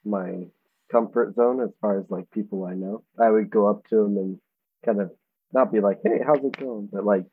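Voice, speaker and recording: Brief: hesitant male player, low voice, phone-like line. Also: steady tone, normal speed, slight background noise. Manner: hesitant, many fillers. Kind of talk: tabletop role-play chat.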